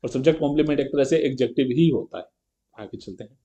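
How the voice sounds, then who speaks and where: A male grammar teacher teaches an exam-prep lesson step by step, often checking in with a quick rhetorical question and reading example sentences slowly. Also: mid-range voice, expressive, dark tone. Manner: reads English example sentences slowly and carefully.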